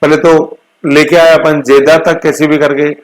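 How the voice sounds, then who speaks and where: Man, coaching class teacher, somewhat high voice, drills spelling by stretching words out slowly. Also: flat delivery, low-quality recording. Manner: mixes English terms into explanations; addresses students with homely asides. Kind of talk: current affairs exam coaching lecture.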